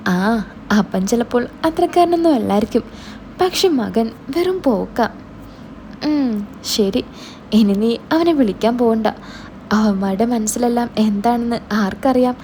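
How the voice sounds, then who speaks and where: A woman's voice: on the high side, expressive, measured pace, pauses often, mellow, a little hiss or hum. A woman voicing an older man, a father-in-law who makes sly, teasing remarks in a storybook tale. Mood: scornful.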